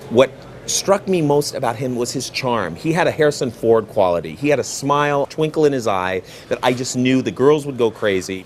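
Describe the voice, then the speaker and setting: A man talking as a film director in a behind-the-scenes interview, telling stories with enthusiasm. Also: medium pitch.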